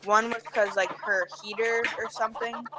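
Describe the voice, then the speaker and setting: Talking with friends over an online game chat, a young woman tells a rambling school story full of fillers and self-corrections, her voice a little high, fairly even and at normal speed. She uses a headset mic on her shoulder, and chickens cluck in the background.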